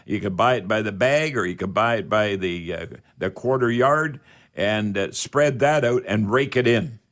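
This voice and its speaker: An older man hosts a casual home-improvement call-in radio show, rambling in a folksy way and using old-fashioned expressions. His voice is fairly low and fairly bright, and he speaks at a moderate pace.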